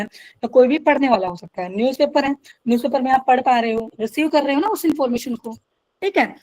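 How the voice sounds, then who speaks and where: A woman teaches a live online class, and her voice sits a little high. She reads English definitions slowly and then explains them in quick Hindi. She often stops to check that her students have understood. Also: darkish tone, rough recording. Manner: asks checking questions. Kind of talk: online lecture. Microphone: video call.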